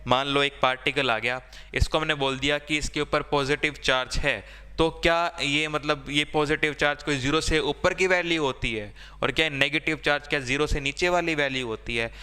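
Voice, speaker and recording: Male science teacher, bright crisp voice, long reverb, voices students' questions and answers them. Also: fairly high pitch, fairly even intonation, moderate pace. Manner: conversational, repeats "theek hai" to check in. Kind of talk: board-exam science lesson.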